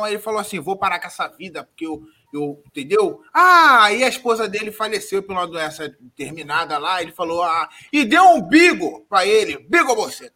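Rambling, profane Brazilian man. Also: high voice. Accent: Brazilian Portuguese. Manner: rambling, profane storyteller who shouts sound effects. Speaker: podcast co-host. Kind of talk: comic movie recap.

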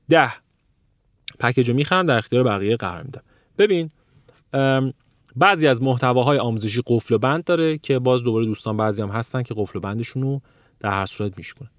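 A man teaching a language-learning course, speaking lively and emphatically. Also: medium pitch, no echo, studio quality. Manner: animated, lively, with emphatic rising pushes. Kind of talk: spoken online course lesson.

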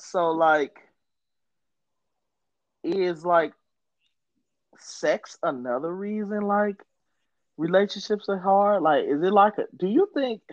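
Casting: male host, lively pitch swings, brash and mocking, dry slightly dull sound. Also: dry recording. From born in Syracuse, New York. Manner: animated, loud, mocking, imitates voices. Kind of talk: casual profane chat.

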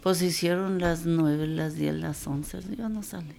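Old grandma telling stories, gravelly low voice, acts out everyone. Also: female voice, a little slow. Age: 80s. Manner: lively storyteller, quotes people in dialogue, chuckles often. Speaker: grandmother telling her life story. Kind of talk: casual storytelling.

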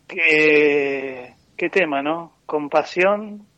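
A man with a Rioplatense Spanish accent speaks slowly and haltingly over a remote line that breaks up and drops words. His voice sits somewhat high and comes through muffled. The sound is dry and close. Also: a bit bright, dry recording. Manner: halting, hesitant, words cut off mid-phrase. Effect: remote line breaking up and cutting out. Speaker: remote panelist on a talk show. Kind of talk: reflective remote chat. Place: remote call, not in the studio.

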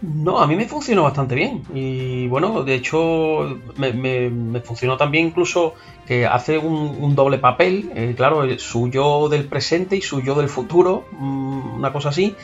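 A man co-hosting a casual film podcast, relaxed and agreeable. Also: fairly high pitch, unhurried, muffled recording, soft background music. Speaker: podcast co-host.

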